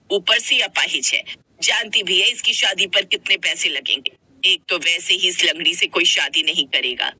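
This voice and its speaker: A woman's voice: fairly low pitch, sharp tone, breathy edge, no room sound, exaggerated voice. A woman playing a spiteful, scolding old grandmother. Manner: harsh, contemptuous scolding.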